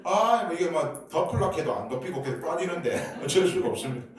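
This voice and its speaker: A man's voice: fairly high pitch, sing-song, fairly quick, a crowd in the background. Echoey far-off man in his fifties. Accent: Gyeongsang dialect mixed with Seoul speech. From Seoul, South Korea. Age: 50s. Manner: humorous, chatty, joking with the congregation. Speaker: guest pastor. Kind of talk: sermon. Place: church sanctuary.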